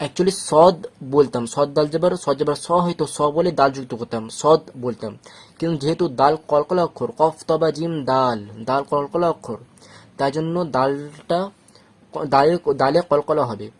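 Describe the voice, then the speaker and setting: Man, Quran reading teacher, slightly high voice, patient, drills syllables slowly. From Bangladesh or West Bengal. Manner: explains calmly, checks with "okay?". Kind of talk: patient step-by-step recitation lesson.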